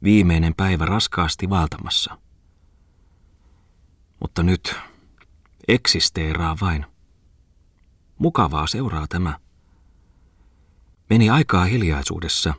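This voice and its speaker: A man reading a novel aloud as an audiobook narrator, calm and measured. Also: deep voice, husky, no echo, clean studio sound. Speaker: audiobook reader. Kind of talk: scripted literary narration.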